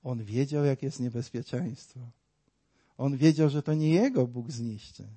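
A man's voice: mid-range voice, normal speed, warm tone, slightly rough. A man preaching a sermon, dramatic and full of rhetorical questions, acting out the voices in his story.

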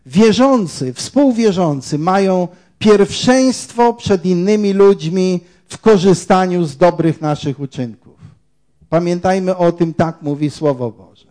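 A man's voice: high-pitched, dark tone. A man preaching a sermon, quoting scripture and putting rhetorical questions to his congregation. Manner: quotes scripture.

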